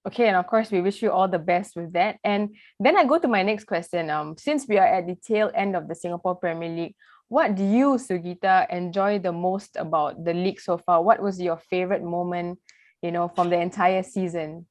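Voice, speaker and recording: A woman's voice: lowish voice, fairly quick, darkish tone, dry recording, clean studio sound. A woman hosting an interview, asking long, chatty questions filled with "you know.". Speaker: interview host.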